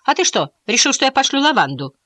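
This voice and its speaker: A woman voicing a bossy, sharp-tongued mother mouse in a storybook. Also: high voice, very animated, quick pace, no echo, voice pushed up, heavily acted. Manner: bossy, curt.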